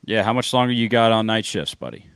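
A man's voice: lowish voice, quick pace, clean tone, dry recording, clean studio sound. Fired-up, foul-mouthed podcast host man. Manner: excitable, loud, profane, rambling. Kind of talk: casual podcast chat.

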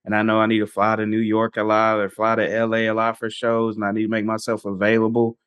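A man's voice: lowish voice, completely flat delivery, fast, a bit bright, smooth. Chill guy hosting a podcast, slangy and jokey. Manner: laid-back, slangy and joking. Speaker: podcast host. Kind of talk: casual chat.

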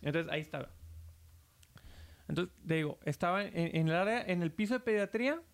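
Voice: medium pitch, expressive, fairly quick. Brief: Mexican slangy storyteller, casual chat, acts out the voices. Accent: Mexican Spanish.

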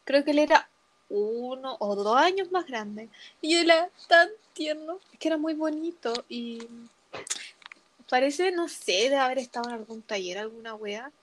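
A young woman with a Chilean accent chatting casually as a podcast co-host, telling self-deprecating stories in a relaxed way. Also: high voice, moderate pace, slight background noise. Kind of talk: casual chat.

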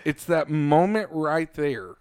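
A middle-aged man co-hosting a casual podcast, telling stories in an animated way and calling his friend "bro" and "dude" a lot. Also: fairly high pitch, takes it slowly, clean tone, dry recording, studio quality. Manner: animated storytelling, says "bro" and "dude" often. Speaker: podcast co-host. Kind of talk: casual chat.

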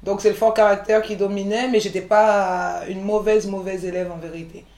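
A woman's voice: medium pitch, level tone, moderate pace, darkish tone. Guest: forties woman from the Ivory Coast, frank and rambling, recorded in an echoey room. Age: 40s. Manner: frank, rambling, many restarts and fillers. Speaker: guest, chef and entrepreneur. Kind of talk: candid conversational interview.

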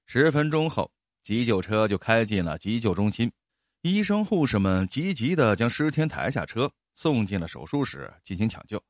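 Guy reading a story out loud, super expressive, lots of pitch movement, dry close sound. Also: normal speed, dry recording. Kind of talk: storytelling narration.

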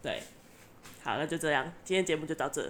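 Fast teasing woman. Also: low voice. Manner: teasing, quick and lively, steers the talk. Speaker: podcast co-host. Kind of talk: casual chat.

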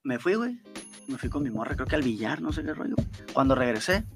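A man's voice: mid-range voice, fast talker, faint music behind. A man with a Mexican Spanish accent telling slangy, profane anecdotes in a casual chat. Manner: slangy, profane, animated storytelling.

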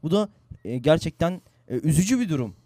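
A man's voice: a little high, sing-song, brisk, warm tone, dry recording. A young man hosting a radio show in casual chat, earnest and agreeable, repeating his points. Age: young adult. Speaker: radio host.

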